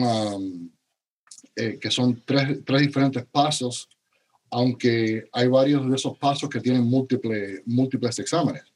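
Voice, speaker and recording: A middle-aged man from Cuba, a podcast guest, talking in a halting way with many restarts. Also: medium pitch. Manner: halting, frequent restarts and stammers. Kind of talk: conversational interview.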